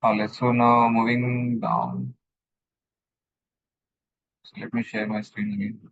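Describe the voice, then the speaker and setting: A man's voice: medium pitch, level tone, slow, fairly bright tone, dull audio. A male instructor explaining statistics step by step in a screen-share lesson recording, often checking that his student follows.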